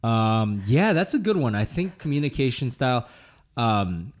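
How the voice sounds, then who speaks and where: A man's voice: medium pitch, very animated, moderate pace. A man in his late thirties, co-hosting a casual podcast chat and telling stories animatedly with lots of filler words. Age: 30s. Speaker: podcast co-host.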